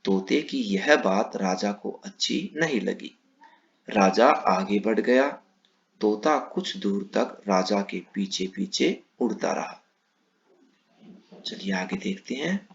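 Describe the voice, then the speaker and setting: A male teacher reading a story aloud to young children, explaining slowly and kindly. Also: fairly low pitch, expressive, gravelly. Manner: warm, slow, explaining to children. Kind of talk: children's lesson read-aloud. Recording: dull lo-fi recording.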